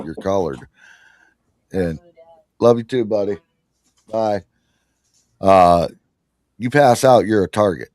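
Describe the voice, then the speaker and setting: A man's voice: lowish voice, a little mellow, no room sound. A man hosting a podcast, telling a rambling story in casual chat, interrupting himself and laughing often. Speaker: podcast host.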